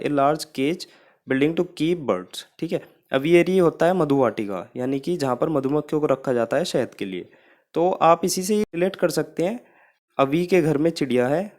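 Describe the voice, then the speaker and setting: A man teaches vocabulary in a steady, explanatory way. His voice sits a little above the usual pitch for a man. He goes over each memory trick more than once so it sticks. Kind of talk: vocabulary lesson.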